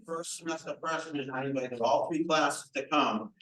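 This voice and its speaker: In an echoey event room at a nonprofit center, a man with a deep voice that carries welcomes the audience as the association's chapter president. He talks loudly and chattily at a moderate pace, with no microphone, so the sound comes from the room.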